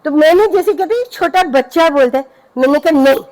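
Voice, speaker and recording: A middle-aged woman sharing a devotional satsang story with lively, heartfelt storytelling. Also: sits high, brisk, low-quality recording. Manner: lively storyteller, acting out her own pleading.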